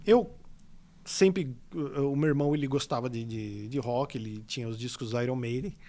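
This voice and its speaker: Speaking at a moderate pace in a mid-range voice, this man from São Paulo, Brazil, is a guest illustrator on a casual podcast. He tells stories with a São Paulo Portuguese accent, rambling animatedly and using lots of fillers.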